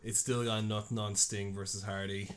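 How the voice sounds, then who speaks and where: Irish man, podcast co-host, lower voice, dry one-liners, quick laugh. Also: little pitch movement. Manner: dry quips, laughs often. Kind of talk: casual chat.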